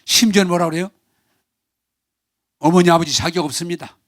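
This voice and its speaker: A male pastor preaching a Sunday sermon in Korean, animated, acting out quarrelling family members. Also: sits high, a little fast, no echo, studio quality. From South Korea. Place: church sanctuary.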